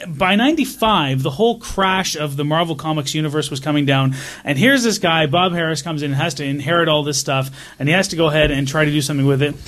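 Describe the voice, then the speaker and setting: A man's voice: on the high side, fast talker, fairly bright tone. A man co-hosting a casual comics podcast, eagerly explaining with many restarts. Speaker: podcast co-host. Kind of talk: casual chat.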